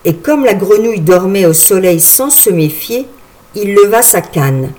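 A woman narrating a classic tale in a measured storytelling manner. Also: medium pitch, animated, dark tone. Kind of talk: reading a classic tale aloud.

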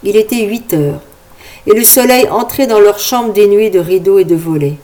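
A woman's voice: mid-range voice, normal speed, mellow. A woman narrating an audiobook of a comic story in a wry, conversational way.

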